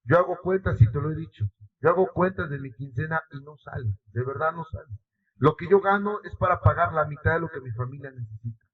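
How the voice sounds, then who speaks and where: A middle-aged Mexican man preaches in a church, swinging between loud bursts and soft, close asides. His voice sits high and a little husky. It is heard from a distance on a muffled recording. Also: fairly quick. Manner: emotional, conversational preaching with sudden rises and drops in loudness. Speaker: lay preacher. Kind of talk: sermon.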